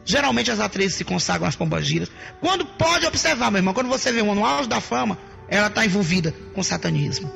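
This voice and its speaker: Woman preacher giving a testimony: very gravelly, bright and forceful voice, emphatic, soft music underneath. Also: medium pitch, animated, fast talker. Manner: emphatic, often addressing listeners as brothers.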